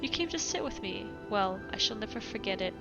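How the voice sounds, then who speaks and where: With a medium-pitched, lively, brisk delivery, a young woman with a mixed European English accent, British-born and raised elsewhere in Europe, chats and laughs through a game stream, reading letters aloud and leaning on fillers. The audio is dull, with music behind her.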